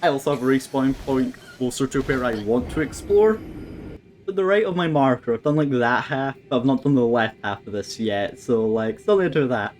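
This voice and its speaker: Thinking aloud as he plays, a male let's-play commentator swears at the game with a dry, wry sense of humour in a relaxed, casual way. His mid-range voice is a little mellow, with lively intonation and a fairly quick delivery, and there's a faint hum of background noise.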